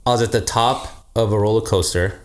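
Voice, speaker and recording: A man's voice: lowish voice, steady tone, fairly quick. A man hosting a podcast and telling a personal story in casual chat, blunt and profane, laughing as he talks.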